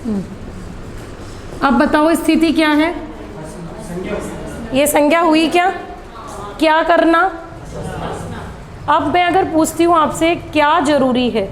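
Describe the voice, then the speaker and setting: A woman's voice: sits high, long reverb tail. A woman teaching a grammar lesson, asking questions and answering them herself.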